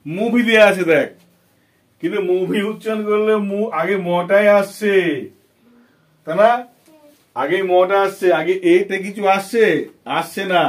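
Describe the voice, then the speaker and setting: A man's voice: high voice, fairly even intonation, a little slow, pauses often. A man teaching an English grammar lesson to children, with a Bengali accent, patiently repeating points and quizzing his students. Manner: patient, repetitive, asks students questions.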